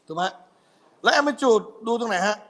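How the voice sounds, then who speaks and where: High-voiced man quizzing physics students. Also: lively intonation, a little slow, fairly bright tone. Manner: quizzing students with constant "got it?" checks. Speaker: physics tutor. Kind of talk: exam review lesson.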